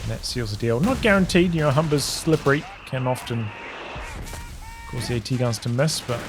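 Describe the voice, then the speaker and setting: A man giving relaxed, analytical play-by-play commentary on a strategy game replay, thinking aloud as the match unfolds. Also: mid-range voice, normal speed, over music. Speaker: game caster. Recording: game battle sounds over the voice. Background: game gunfire and artillery.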